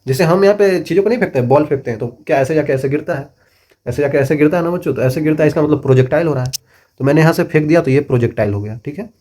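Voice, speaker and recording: Mellow-voiced man teaching physics. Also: on the high side, very fast. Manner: explains with repeated rhetorical checks and homely examples. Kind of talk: classroom lecture.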